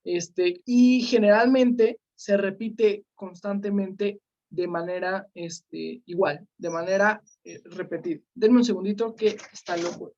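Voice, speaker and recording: A woman teaching an online class, calling on students by name and filling pauses with "este" and "eh". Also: medium pitch, fairly even intonation, darkish tone. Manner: questioning students by name, many fillers. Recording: slightly dull lo-fi sound.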